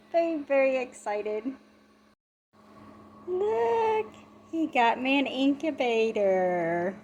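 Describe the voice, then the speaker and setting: A woman with a drawl talks to her viewers in an easy, homey way from outdoors by a chicken coop. She speaks slowly at a middling pitch. Chickens cluck faintly in the background. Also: slight background noise. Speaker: homestead vlogger. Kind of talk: casual vlog chat.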